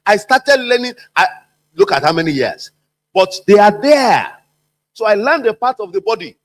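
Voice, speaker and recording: A man teaches a class with a lively voice that swings up and down a lot. He sits a bit high for a man and keeps acting out the people he quotes. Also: moderate pace. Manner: animated, repetitive, acts out quoted voices. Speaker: trainer. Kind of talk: workplace training talk.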